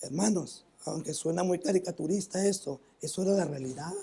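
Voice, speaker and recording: With a high, gravelly, dark, slightly rough voice, a male pastor with a northern Mexican accent gives a church sermon built around personal testimony. Again and again he says "hermano" to the congregation, restarting his phrases in a halting way.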